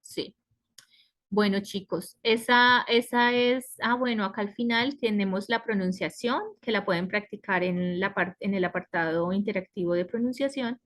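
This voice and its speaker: A woman's voice: mid-range voice, fairly bright tone. A woman teaching an English grammar lesson in a web conference, explaining patiently and checking in with her students. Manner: slow, explanatory, asks "¿sí?" and "¿cierto?". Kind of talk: online class lecture. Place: video call.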